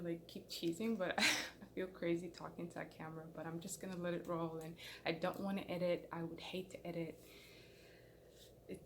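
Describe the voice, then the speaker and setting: A lowish female voice comes through with a little hiss or hum. It belongs to a young adult Somali woman hosting a channel, chatting casually to a camera in front of her at head-and-shoulders framing in a small indoor room, rambling and self-conscious, with many fillers and restarts.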